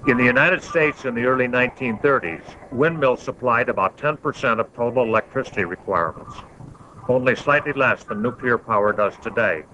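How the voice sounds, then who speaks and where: A man reading scripted promotional narration for an infomercial in a measured, explanatory way. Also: medium pitch, bright, forceful tone. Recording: dull lo-fi, faint background noise.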